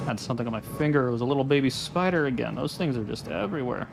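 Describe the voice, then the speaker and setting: A man with a mid-pitched voice gives casual playthrough commentary on a stream. He is chatty and sweary, talking to the game's characters, with clear game noise behind him. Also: lively intonation, rapid-fire.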